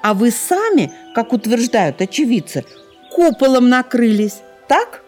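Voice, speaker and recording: A woman voicing a nosy, accusing female magpie in a storybook reading, with excitable exclamations. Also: on the high side, a little slow, faint music behind, voice pushed up. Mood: indignant.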